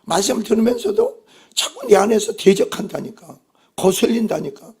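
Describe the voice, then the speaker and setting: Gravelly, husky male pastor preaching. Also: high-pitched, huge pitch swings, moderate pace, darkish tone. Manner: emphatic, asks the congregation rhetorical questions. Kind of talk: sermon.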